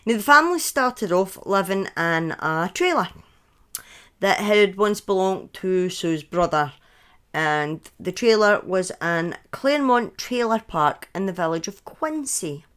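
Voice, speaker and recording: This Scottish woman in her thirties has a clear, resonant, slightly bright mid-range voice with lively intonation, and she's in no hurry. She shares true crime stories casually on a live stream, often breaking away for chatty asides and correcting herself.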